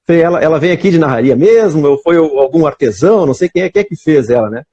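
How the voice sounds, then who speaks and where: Brazilian guy on a live call, kinda high for a man, breathy, rambly storyteller. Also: lively intonation, fast talker, warm tone, dull audio. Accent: Brazilian Portuguese. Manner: rambling storyteller, many restarts and "né?". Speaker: guest. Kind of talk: casual chat on a live stream.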